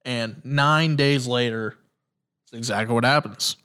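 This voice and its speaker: Guy doing his own sports podcast, super excited, keeps restarting sentences, lots of likes and uhs. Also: mid-range voice, unhurried, clear, resonant tone. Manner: excitable, rambling, many restarts and fillers; enthusiastic storytelling. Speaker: podcast host. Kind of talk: casual solo sports podcast.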